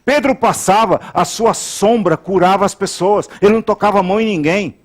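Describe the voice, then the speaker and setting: A pastor delivers a sermon in a notably high voice. He hammers phrases through repetition and leads the congregation in call-and-response. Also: brisk.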